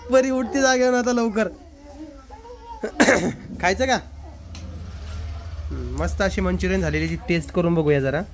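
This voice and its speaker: A man, a family vlogger and father, chatting casually in a home kitchen while filming on a phone, coaxing his small child and turning to speak to viewers. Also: sits high. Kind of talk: casual home vlog chat.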